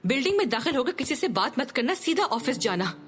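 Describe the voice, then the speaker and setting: A woman's voice: high-pitched, sing-song, brisk, a little hiss or hum. A woman dubbing a scheming, housebound older sister who bosses her sibling in an insistent, persuasive way. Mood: instructing. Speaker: elder sister. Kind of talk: dubbed TV drama.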